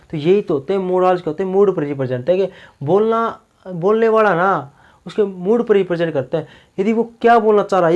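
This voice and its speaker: A man's voice: high voice, a little mellow, dull audio. A male teacher giving a classroom grammar lecture, peppering it with rhetorical questions and repeated "okay ji" check-ins.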